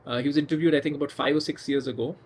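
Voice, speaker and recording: Guy kinda high voiced, chatty video host, restarts a lot, little background hiss. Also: fairly even intonation, racing, darkish tone. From India. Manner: conversational, with restarts and emphatic asides. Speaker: music channel host. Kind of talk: casual storytelling video essay.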